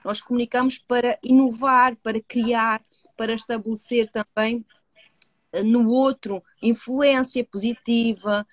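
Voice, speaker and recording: A woman with a European Portuguese accent, a hypnotherapist co-hosting a live discussion, earnest and measured, who asks rhetorical questions and then answers them. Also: a little high, steady tone, no room sound. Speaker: co-host, hypnotherapist. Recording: dry close sound.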